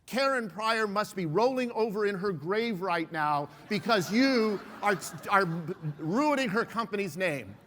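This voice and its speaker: A man's voice: sits high, animated, unhurried, hardly any pauses, fairly bright tone, slight background noise. A man quoting an indignant woman who accuses and scolds, in his own voice with a bit more force. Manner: accusing, appalled. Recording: long hall reverb.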